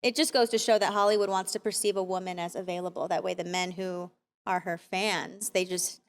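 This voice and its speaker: A woman's voice: lowish voice, steady tone, fairly quick. A woman in her thirties from Arizona, a podcast guest talking candidly and reflectively about her life and faith. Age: 30s. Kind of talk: casual conversation.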